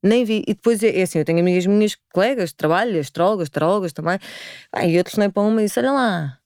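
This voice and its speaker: A woman in her forties from Portugal with a European Portuguese accent, talking as a podcast guest in a lively, expressive way. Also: mid-range voice, rapid-fire, clean tone, dry recording, studio quality. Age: 40s. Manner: expressive, animated storytelling with frequent laughs. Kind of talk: casual chat.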